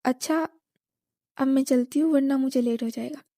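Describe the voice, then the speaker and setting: Woman reading a polite young woman, high voice, mellow tone, dry sound. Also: steady tone, normal speed, dry recording. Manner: polite, apologetic.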